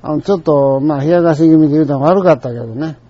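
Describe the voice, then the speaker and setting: A man's voice: a little high, fast. An older man with a Kansai accent telling a rambling personal anecdote in a chatty, colloquial, digressive way. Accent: Kansai Japanese. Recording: dull lo-fi recording.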